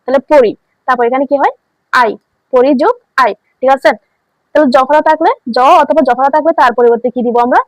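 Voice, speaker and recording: A woman's voice: high-pitched, fairly quick, no echo, poor audio. A woman teaching a grammar lesson, asking questions and answering them herself, repeating key words. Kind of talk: online classroom lesson.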